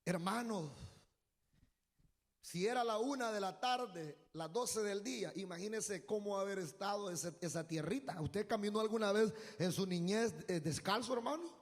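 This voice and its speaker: A man preaching a fervent sermon as pastor, calling out to the congregation, shouting and drawing out his phrases. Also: sits high, moderate pace, in a large hall. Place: church.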